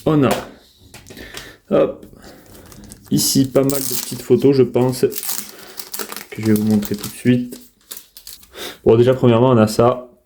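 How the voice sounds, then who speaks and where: A man with a very dark, mellow voice walks through his latest purchases in a relaxed unboxing chat. He talks at a middle pitch, hesitant and chatty, often restarting his sentences and filling gaps with little sounds. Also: measured pace, long pauses, a little hiss or hum. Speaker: collector unboxing steelbooks. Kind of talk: casual unboxing commentary.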